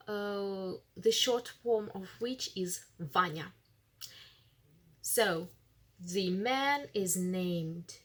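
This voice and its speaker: A woman's voice: medium pitch, fairly bright tone. A woman with a Russian accent, a native Russian speaker, teaching a beginner lesson, patiently repeating phrases and explaining them step by step. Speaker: language teacher. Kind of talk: screen-recorded app walkthrough lesson.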